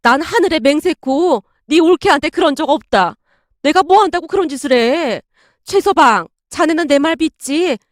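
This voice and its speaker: A woman's voice: sits high, animated, normal speed, no echo, clean studio sound. A woman voicing an elderly widowed grandmother who speaks with indignant, old-fashioned phrasing. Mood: aggrieved.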